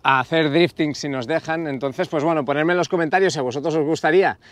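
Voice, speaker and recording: A man's voice: a little high, fast, no room sound. A young man with a Spanish accent from Spain, hosting a car meetup vlog in casual, enthusiastic, thankful talk full of slang. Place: outdoor car meetup at a racetrack.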